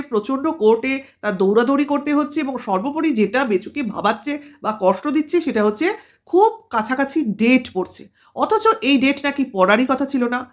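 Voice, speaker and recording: A woman vlogger, giving a combative, lecturing commentary full of pointed rhetorical questions. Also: high-pitched. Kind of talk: commentary monologue to camera.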